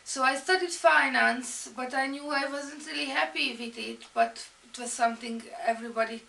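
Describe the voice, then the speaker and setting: A woman's voice: high-pitched, steady tone, normal speed, gravelly, sharp tone, roomy sound, distant mic. A woman from Hungary, speaking English with a Hungarian accent, introducing herself as an art and fashion student, with many ums and restarts. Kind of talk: personal introduction video.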